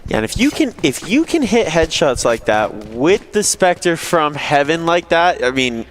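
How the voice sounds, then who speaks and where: A man's voice: a little high, big pitch swings, unhurried, slight background noise. A man giving conversational colour commentary on an esports match, with game gunfire behind him. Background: video game gunfire and ambience.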